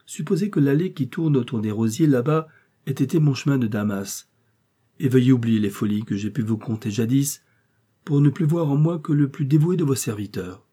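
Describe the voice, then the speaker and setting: A man voicing a witty, ironic gentleman friend who teases in a light, mocking way. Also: medium pitch, normal speed, breathy edge, close to an everyday voice. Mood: courtly. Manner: teasing, ironic.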